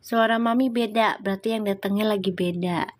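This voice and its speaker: A woman's voice: medium pitch, fairly even intonation, brisk. A woman, hosting a casual live stream, reading viewer comments and scolding them with rhetorical questions.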